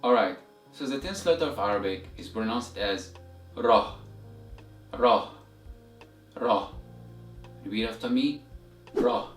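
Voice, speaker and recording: A man giving a step-by-step language lesson as a teacher, explaining methodically and repeating examples for learners. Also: lowish voice. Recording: roomy echo, distant mic, music behind.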